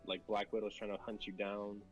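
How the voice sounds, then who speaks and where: A man's voice: on the low side, little pitch movement, a little fast, muffled recording, faint music behind. A man chatting casually about video games as co-host, rambling with many fillers and restarts. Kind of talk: casual gaming chat.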